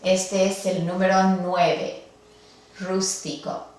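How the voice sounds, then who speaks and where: Woman grammar teacher, slow and careful delivery, very reverberant room. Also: medium pitch, flat delivery, a little mellow. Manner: slow, deliberate, spelling out syllables. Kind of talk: recorded classroom lesson. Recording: very echoey room.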